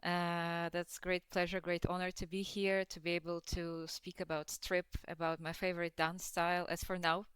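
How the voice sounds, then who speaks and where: A young woman from Russia speaking as a podcast guest, pausing often with fillers and laughs between thoughts. Her voice sits a little low and is very clean and clear. The sound is dry and close. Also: flat delivery, fairly bright tone, no room sound. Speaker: guest, dance teacher. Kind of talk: casual podcast interview.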